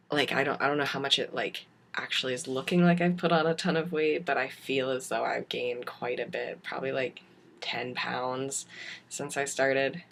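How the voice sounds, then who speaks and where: A young adult man with a raspy smoker's voice, chatting casually and haltingly in a video diary. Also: medium pitch, sharp tone, slight background noise. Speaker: vlogger giving a transition update.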